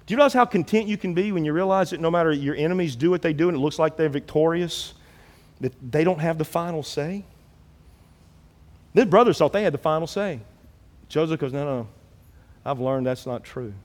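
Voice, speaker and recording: A man preaching a sermon as pastor, animated and acting out quoted biblical figures in his own voice. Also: fairly high pitch, brisk, pauses often, in a large hall.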